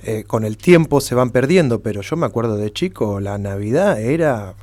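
In a casual interview, a middle-aged Argentine flamenco musician with a Buenos Aires Spanish accent looks back on his past. His medium-pitched voice is slightly mellow, with lively intonation and a normal speed.

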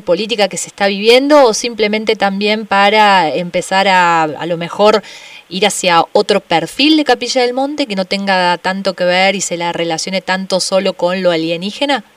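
A woman's voice: medium pitch, moderate pace, fairly bright tone, clean tone, dry recording, recorded from a distance. A woman with an Argentine accent, a radio host asking questions in a friendly, chatty way. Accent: Argentine Spanish. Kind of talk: radio interview.

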